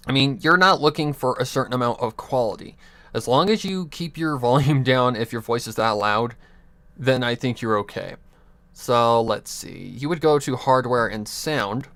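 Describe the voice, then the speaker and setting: A young man streams from his home computer desk, his mid-range, slightly bright voice moving at a moderate pace on a dry recording. Into his USB desk mic he rambles out advice, restarting, chuckling and swearing offhandedly.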